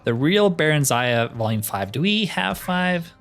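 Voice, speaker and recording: A man's voice: a little high, sing-song, a little slow, fairly bright tone, soft background music. A man giving casual let's-play commentary, chatting and thinking aloud as he plays a fantasy game. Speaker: gaming YouTuber playing a fantasy roleplay game.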